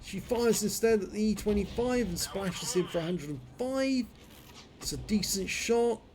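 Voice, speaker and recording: High-pitched man, slurred as if numb from dentist. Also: moderate pace, a little mellow. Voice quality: slurred, numb-jawed speech from dental infection. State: numb frozen jaw, on painkillers. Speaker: game replay commentator. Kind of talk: video game commentary.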